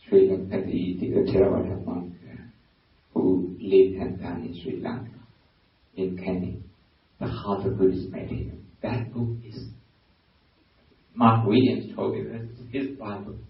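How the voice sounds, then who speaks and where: Burmese-accented monk in an echoey hall. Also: male voice, deep voice. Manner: halting, searching for words with many restarts. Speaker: Buddhist monk teaching. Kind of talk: dharma talk to a lay audience. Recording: very echoey hall, distant mic, dull lo-fi sound.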